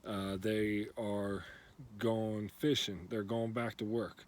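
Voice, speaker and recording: A man giving a casual church devotional, relaxed and conversational, with lots of fillers as he retells a story in plain everyday words. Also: on the low side, takes it slowly, a little hiss or hum.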